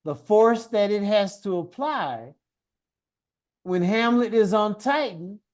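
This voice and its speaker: A man's voice: sits high, expressive, slow pace. A man teaching a one-on-one science lesson, patient and encouraging, guiding his student with questions and praise.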